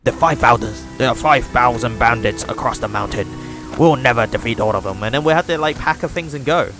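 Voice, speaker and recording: A man's voice: medium pitch, expressive, a little fast, music in the background. A man streaming a live playthrough, talking to viewers with chatty, joking asides. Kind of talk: live gameplay commentary.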